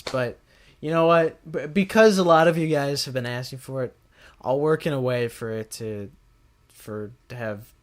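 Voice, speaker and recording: A man hosting a live stream, chatting casually and straight to his viewers, rambling and often correcting himself mid-sentence. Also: mid-range voice. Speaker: livestream host.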